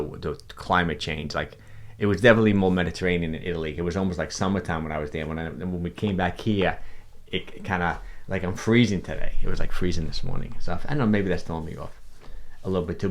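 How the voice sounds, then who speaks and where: A middle-aged man coaching on a casual livestream, rambling conversationally with restarts and fillers. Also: low voice. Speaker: fitness coach. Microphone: livestream desk mic.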